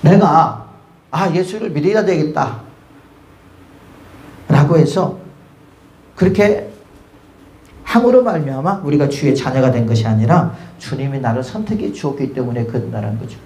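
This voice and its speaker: Male pastor, sermon, lively storytelling, mellow voice, roomy echo. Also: on the high side, normal speed, long pauses. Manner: lively storytelling, acts out dialogue with God and friends. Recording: echoey church room.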